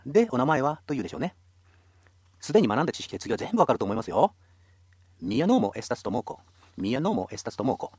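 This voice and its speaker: A man's voice: medium pitch, slightly rough, no echo. A man teaching a radio language lesson, explaining patiently and encouraging listeners.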